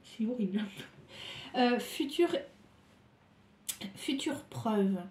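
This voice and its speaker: A woman with a fairly high voice gives a tarot reading while fighting a cold. Her nose is blocked and she sounds feverish and worn out, stumbling through her words with fillers and restarts. The room is echoey, with a faint hiss underneath. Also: animated, drawn-out words, darkish tone. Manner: hesitant, many fillers and restarts. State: feverish and tired. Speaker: tarot reader.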